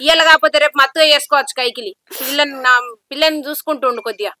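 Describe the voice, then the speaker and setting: A woman's voice: high voice, rapid-fire, sharp tone, no echo, clean studio sound. A young woman with a Telangana accent acting a village niece who coaxes and consoles her aunt with firm advice. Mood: advising. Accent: Telangana Telugu. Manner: coaxing, repeating soothing pleas, giving firm advice. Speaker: actor in a village skit.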